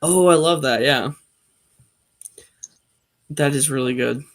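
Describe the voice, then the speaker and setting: Slow, hesitant male game master. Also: a little high. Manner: hesitant, filler-heavy. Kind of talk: running a tabletop game.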